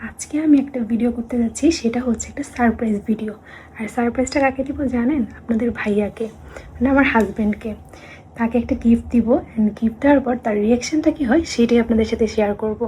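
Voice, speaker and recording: A woman's voice: on the high side, fast, slight background noise, rough recording. A woman from Bangladesh vlogging at home, chatty and often checking in with viewers. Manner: chatty, keeps asking viewers "okay?", hushed when sneaking. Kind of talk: casual vlog to camera. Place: home in Singapore.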